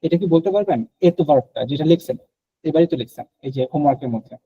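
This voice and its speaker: A man's voice: fairly high pitch, racing, slightly rough, no echo, dull audio. A man from Bangladesh teaching a French class online, explaining patiently and mixing in English phrases.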